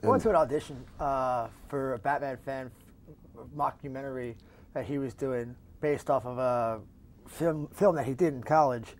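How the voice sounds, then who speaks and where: A man's voice: medium pitch, normal speed. A man who is an actor, speaking as an interview guest in an easygoing, conversational way. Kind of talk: casual interview chat.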